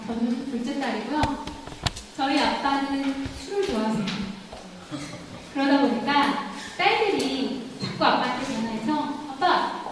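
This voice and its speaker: A woman in her thirties giving a lecture in a university lecture room, telling personal stories and asking the audience questions. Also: sits high. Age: 30s. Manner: chatty, warm storytelling, asks the audience questions. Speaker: communication lecturer. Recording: echoey lecture hall from far off, faint noise.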